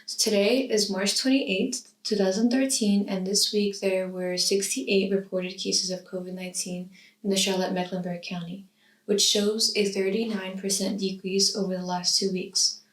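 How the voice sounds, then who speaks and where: A young woman from Iraq, a student interviewer who asks measured questions in an oral history interview. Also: medium pitch, level tone. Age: young adult. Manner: reads a scripted intro, then asks measured questions. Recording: roomy sound from a distant mic.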